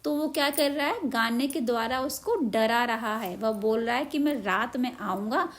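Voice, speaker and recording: A woman's voice: fairly high pitch, unhurried, fairly bright tone. A woman teacher retelling a children's story, asking simple questions and answering them herself. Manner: asks and answers own questions, repeats simply. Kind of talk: explaining a children's story lesson.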